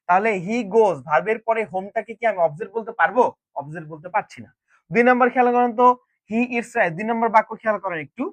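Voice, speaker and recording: Male English teacher, quick high delivery, dry close sound, quizzes viewers. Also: fairly bright tone, no echo. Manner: repeats questions to viewers and answers them himself. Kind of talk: classroom-style grammar lesson.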